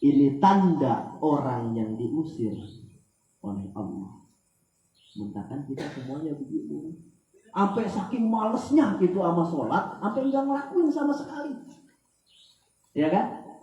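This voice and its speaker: A man preaching an Islamic sermon, rising into loud pleading prayers and then dropping low and slow. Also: very animated, lo-fi sound. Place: Islamic boarding school hall. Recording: very echoey hall.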